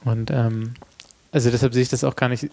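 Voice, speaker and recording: Creaky-voiced man thinking aloud. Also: mid-range voice, level tone, fairly quick, dark tone. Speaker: artist discussing a project. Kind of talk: reflective conversational discussion.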